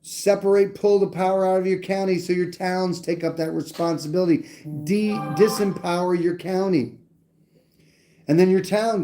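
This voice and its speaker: A man talks straight into his live stream, blunt and rambling, with some cursing. His voice is fairly high for a man but dark and mellow in tone. He sounds like a host riffing on politics off the cuff. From New Hampshire. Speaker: livestream host. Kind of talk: casual political talk.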